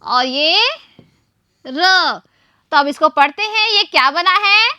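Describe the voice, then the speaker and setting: A woman teacher giving a slow, patient lesson to small children, asking questions and then answering them herself. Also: very high voice, lively intonation, pushed and bright, dry recording, clean studio sound. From India. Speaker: primary school teacher.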